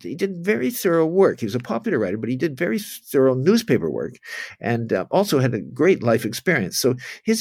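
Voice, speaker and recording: A man's voice: lowish voice, gravelly, darkish tone, husky, no room sound. A man giving an informal history lecture, rambling with restarts and asides.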